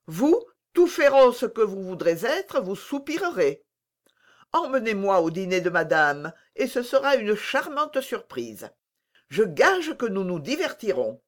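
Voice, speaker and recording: A reader voicing a scheming, flattering courtier in an audiobook, smooth and coaxing. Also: medium pitch. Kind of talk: audiobook character reading.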